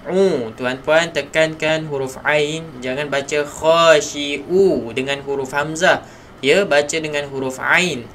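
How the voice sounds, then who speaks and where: A man with a Malaysian Malay accent teaching Quran reading in a live online lesson, sounding out each syllable slowly and then explaining in quick asides. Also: fairly high pitch, fairly even intonation, a bit bright, slight background noise.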